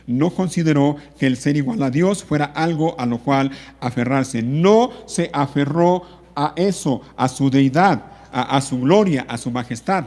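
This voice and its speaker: A man delivers a sermon from the pulpit with a fairly high voice. He drives his points home through repetition and slow, stretched words. His voice rings out with the long reverb of a church hall. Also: a little mellow. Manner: repetitive emphatic preaching, stretching key words. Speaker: pastor.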